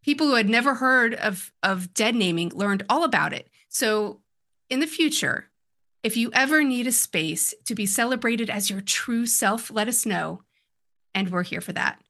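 Bright, higher-voiced woman hosting a podcast. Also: lively intonation, moderate pace. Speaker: podcast host and moderator.

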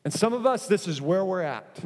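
High-voiced preaching man in a big hall. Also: expressive, a little fast, a little mellow. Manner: emphatic, repetitive preaching with humorous asides. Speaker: pastor. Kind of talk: sermon. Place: church auditorium. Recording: long reverb of a large hall.

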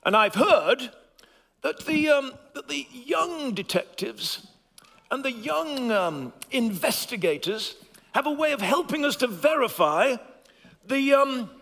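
Sherlock, a man putting on a bright, high, plummy detective. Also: sing-song, gravelly, exaggerated voice. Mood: pompous. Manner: plummy, theatrical, drawn-out emphasis. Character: jolly, pompous English gentleman detective. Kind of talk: church stage skit. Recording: long hall reverb.

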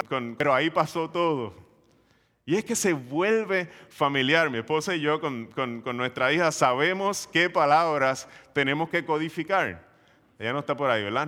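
Bright-voiced pastor preaching. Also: male voice, a little high, in a large hall. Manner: conversational, with frequent restarts and asides. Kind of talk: sermon.

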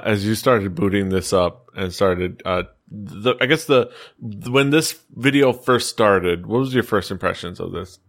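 A man's voice: on the low side, a bit bright. A man hosting a casual podcast chat, rambling and chuckling as he talks. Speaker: podcast host.

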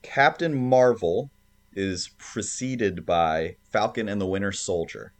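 A man co-hosting a podcast in casual, informal chat, with animated reactions. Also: on the low side, slow pace. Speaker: podcast co-host.

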